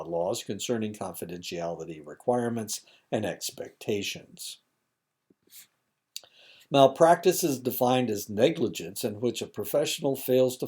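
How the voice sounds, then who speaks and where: Male lecturer, low warm voice, reads slide points, drops in asides and fillers. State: dry throat, voice cracking. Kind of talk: recorded lecture reading slides.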